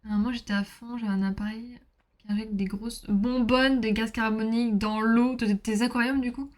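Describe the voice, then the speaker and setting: A woman's voice: fairly high pitch, fairly even intonation, normal speed. A woman streaming a game, chatting casually with her viewers, reading their messages aloud and bursting into exclamations.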